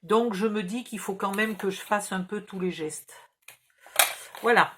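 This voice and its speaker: A woman's voice: medium pitch, unhurried, slight background noise. A woman with a southern French accent giving patient, chatty step-by-step craft instructions. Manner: chatty, patient, explains each gesture. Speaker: craft tutorial host.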